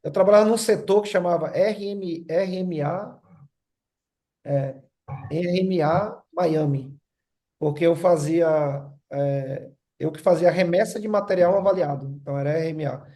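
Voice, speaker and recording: Born in Rio and raised in Salvador, this middle-aged Brazilian man speaks with a Bahian accent tinged by São Paulo speech. He rambles through his story in a casual group chat, tacking "né?" onto almost every phrase, in a slightly high, warm voice at a measured pace.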